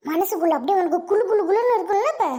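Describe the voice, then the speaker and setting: A woman's voice: very high voice, animated, very fast, dark tone. A woman voicing an angry, bitter aging mother in a cartoon, scolding and accusing. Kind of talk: Tamil cartoon voice acting.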